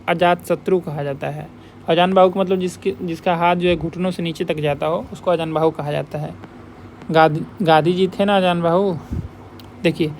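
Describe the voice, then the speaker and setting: A man's voice: high-pitched, a little hiss or hum. A man teaching as a Hindi exam tutor, walking through test questions step by step and repeating the points to remember. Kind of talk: exam question walkthrough lesson.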